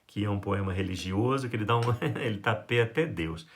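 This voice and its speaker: A man with a Brazilian Portuguese accent teaching a literature lesson to high school students, playful and animated, acting out quotes in a jumpy voice. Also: fairly quick, slight background noise. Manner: lively, playful, acts out quotes with big pitch jumps. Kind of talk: recorded online class for high school.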